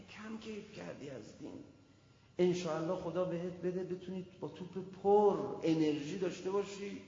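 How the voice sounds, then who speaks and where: A man gives an emphatic sermon, firing questions at his listeners and slipping into the voices of the figures he quotes. His voice is gravelly and sits a little high. It comes through a long, echoing hall reverb on a dull, lo-fi recording. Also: darkish tone. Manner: emphatic, quizzes the audience and acts out quoted voices. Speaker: preacher. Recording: echoey hall with dull lo-fi sound.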